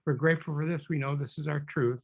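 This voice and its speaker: Gravelly-voiced man leading a prayer. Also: on the high side, fairly even intonation, fast talker. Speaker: minister. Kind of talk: spoken closing prayer.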